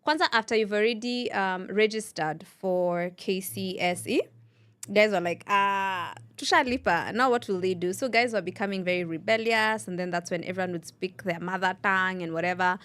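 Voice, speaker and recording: A woman's voice: mid-range voice, moderate pace, fairly bright tone, clean tone. Chatty Kenyan woman radio host. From Nairobi, Kenya. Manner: chatty storytelling, acting out quotes. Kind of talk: casual radio chat.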